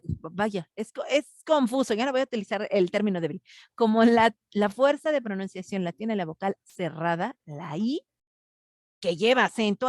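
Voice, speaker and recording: A woman's voice: mid-range voice, dry recording, clean studio sound. Patient woman teacher with a Mexican accent. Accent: Mexican Spanish. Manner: patient, asks students questions, thinks aloud with fillers. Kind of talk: online class explaining grammar.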